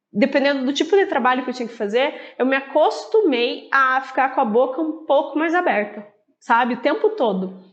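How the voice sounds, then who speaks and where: A woman with a Brazilian Portuguese accent explaining a book in a casual, conversational way, talking straight to the viewer. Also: a little high. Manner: conversational, addresses viewer directly with fillers. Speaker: book presenter.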